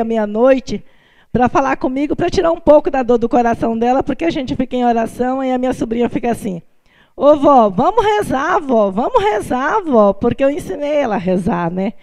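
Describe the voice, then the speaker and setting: A woman's voice: on the high side, fairly quick, dark tone. A woman with a Brazilian Portuguese accent, a prayer group member, giving an earnest personal religious testimony with run-on asides. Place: prayer group meeting room.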